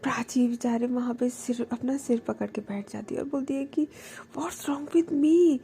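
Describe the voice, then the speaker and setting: A woman's voice: fairly high pitch, fairly even intonation, moderate pace, creaky, dark tone, slight background noise. A young woman telling a love story casually, with many English fillers. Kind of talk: casual spoken storytelling, Hindi mixed with English.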